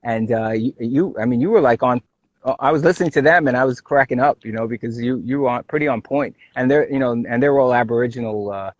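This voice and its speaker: A man from Brooklyn talks as a guest in a casual livestream chat. He speaks at an ordinary pitch and often stalls on fillers and restarts. The audio is dull and lo-fi. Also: no echo. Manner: halting, many fillers and restarts, laughs easily.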